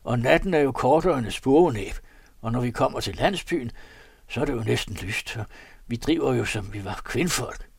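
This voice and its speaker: A man voicing a gruff, hungry vagabond thief who scolds his sick companion with scorn. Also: mid-range voice, expressive, dry recording, studio quality. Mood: scornful grumbling. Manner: scornful, scolding, quick to shout.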